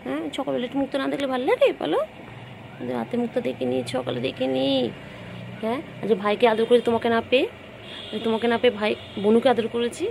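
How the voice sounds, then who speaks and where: A woman with a gravelly, creaky voice coos doting baby talk at her cats, repeating pet names and soft commands. Faint noise hums behind her. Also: on the high side, steady tone, quick pace. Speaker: pet vlogger.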